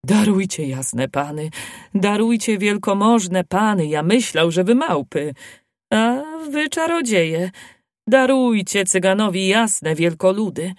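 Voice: mid-range voice, animated, slow, no echo, clean studio sound. A storyteller voicing a frightened vagabond man who begs for mercy. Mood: pleading. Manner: pleading, whispering in fear. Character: threatening then cowering vagabond man.

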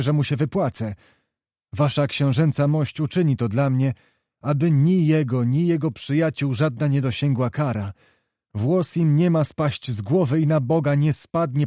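A man's voice: medium pitch, warm tone, no room sound, studio quality, natural voice. Man doing a fiery young nobleman. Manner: fervent, pleading, explosive. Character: hot-tempered young male nobleman, impetuous.

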